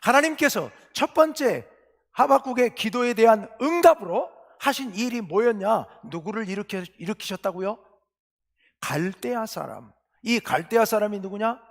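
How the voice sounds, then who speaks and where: A male pastor preaching a sermon, asking questions and answering them himself, moving between hushed asides and loud, impassioned cries. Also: high-pitched, expressive, normal speed, vocal fry. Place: church sanctuary. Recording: long reverb of a church hall.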